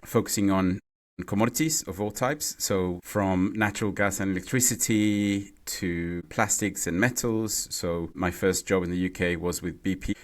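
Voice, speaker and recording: A man from Mexico, a guest in a podcast interview, talking in a halting way and repeating words as he thinks. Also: sits low, a bit bright. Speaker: podcast guest, renewable energy CEO. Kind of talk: casual interview conversation. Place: home or office in London.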